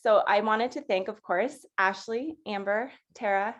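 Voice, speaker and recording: A woman's voice: medium pitch, a little slow, dull audio. Chatty, affectionate woman giving thanks. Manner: chatty and affectionate, with many fillers. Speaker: sales team manager. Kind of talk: heartfelt thank-you speech.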